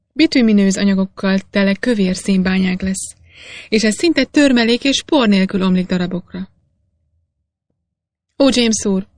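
A woman reading aloud, voicing a boastful, excitable old male master miner in a storybook. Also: mid-range voice, no echo, lightly acted. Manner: boastful, insistent.

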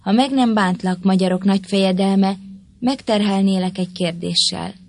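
A woman's voice: medium pitch, lightly acted. A woman reading the lines of a humble, courteous male foreign envoy in a historical tale, deferential and polite.

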